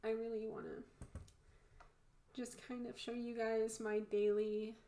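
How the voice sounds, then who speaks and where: Female makeup vlogger, stuffy-nosed and creaky, informal and candid, recorded in a roomy space. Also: a little high, level tone, a little slow, dark tone, slight background noise. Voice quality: congested, blocked-nose sound. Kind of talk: casual chatty makeup tutorial. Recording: roomy echo.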